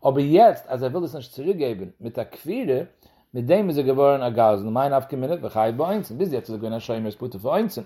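A man's voice: mid-range voice, lively intonation, quick pace, dark tone. A man giving a Talmud lesson, explaining each step and speaking directly to the listener. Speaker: Talmud teacher.

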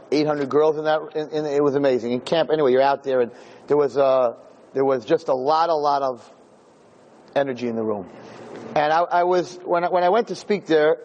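Emphatic and full of rhetorical questions, this rabbi's informal Torah class takes place in a lecture room with an audience. His voice is on the high side with a darkish tone, and the audio is dull with slight background noise.

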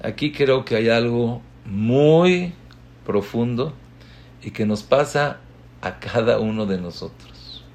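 Male rabbi, slow and mid-pitched, preaching through anecdotes. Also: expressive. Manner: slow, storytelling, swings between soft asides and emphatic acted-out lines. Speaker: rabbi giving a talk. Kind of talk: spoken sermon.

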